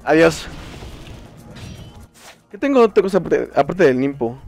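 Lively Mexican man yelling at a game. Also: on the high side, unhurried, vocal fry. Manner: swears and shouts in frustration at the game. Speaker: gameplay streamer. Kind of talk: casual gameplay commentary. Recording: faint game music behind.

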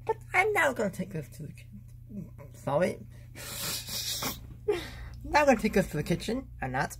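With huge swings in pitch, a high-sitting male voice moves at a moderate pace, carrying a slight hiss or hum. The speaker is a teenage vlogger filming indoors on a handheld phone, playfully and mock-seriously calling out each step of making lunch across his kitchen and bedroom.

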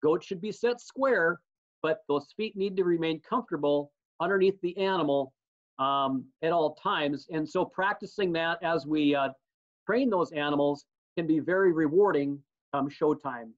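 A man with a somewhat high voice, teaching an online slideshow lesson in a relaxed, practical way and pausing often on ums. The audio is dull and lo-fi, as from a webcam mic. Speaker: extension instructor.

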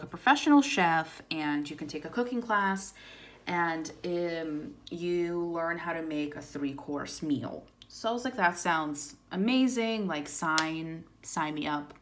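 A woman's voice: lowish voice, a bit bright. A young woman in her twenties, telling a trip story in a chatty, casual way full of "like" and "um", coloring as she talks. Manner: chatty, lots of "like" and "um". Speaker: coloring channel host. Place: indoors at home, coloring while talking.

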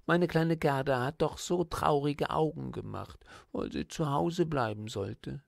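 A man's voice: unhurried, vocal fry, no room sound, clean studio sound. Man doing a timid little schoolgirl. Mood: pleading. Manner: pleading, raised childlike pitch.

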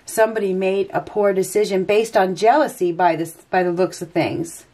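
A medium-pitched, dark-toned female voice with fairly even intonation speaks at a normal speed. She's a tarot reader with a head cold and stuffy nose, giving an unscripted reading indoors at a table and thinking aloud in a rambling, hesitant way as she turns the cards.

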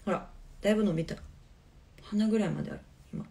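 A woman hosting a casual live stream from her home on a phone, chatting in a relaxed way and answering viewers' comments. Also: mid-range voice, fast talker, creaky. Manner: chatty and relaxed, often laughing softly.

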